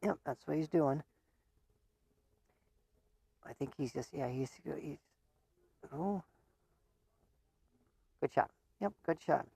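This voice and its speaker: A man's voice: a little high, animated, slow, vocal fry, long pauses, a little mellow, breathy edge, no room sound. A man giving casual live commentary on a pool match. He chats, laughs often, and stumbles over repeated words.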